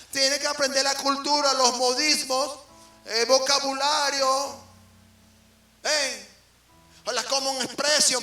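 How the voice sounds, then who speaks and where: Venezuelan guy preaching, goes loud then soft, asks the church questions, sounds roomy and far off w/ faint music. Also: very high-pitched. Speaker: apostle preaching. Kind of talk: sermon.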